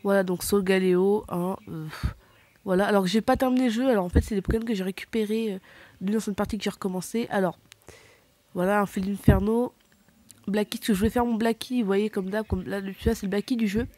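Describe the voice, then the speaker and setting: A woman's voice: mid-range voice, fairly even intonation, fast, mellow, dry recording. A woman chatting casually while showing her game collection, rambling with many fillers, slips and self-corrections. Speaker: gaming vlogger.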